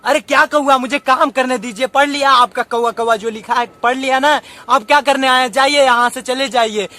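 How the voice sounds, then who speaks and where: A man's voice: extremely high pitch, fairly even intonation, measured pace, a bit bright. A man voicing a rude, impatient grown son who curtly brushes off his old father. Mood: angry. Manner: curt, irritated, brushing off.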